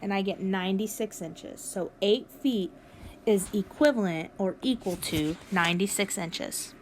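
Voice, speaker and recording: A hiccuping teacher records a math lesson at home, her dog close by, cheerfully guiding students through each step. She speaks in a mid-range voice at a measured pace over slight background noise.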